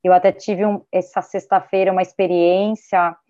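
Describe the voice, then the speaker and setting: A woman's voice: fairly low pitch, normal speed, dry recording. Brazilian woman music therapist rambling on a video call, lots of né, restarts, audio a bit muffled and dead dry. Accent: Brazilian Portuguese. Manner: chatty, tags nearly every sentence with a questioning 'né', restarts often; gets lively when retelling a story. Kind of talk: casual online panel conversation.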